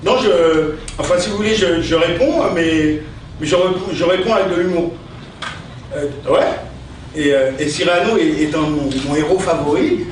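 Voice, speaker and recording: A man's voice: fairly high pitch, moderate pace. A man performing a theatrical comic stage monologue with hammy, declamatory delivery, like a stage actor reciting. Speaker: sketch comedian on stage. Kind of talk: theatrical stand-up monologue with verse tirade. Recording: echoey hall, distant mic, noisy.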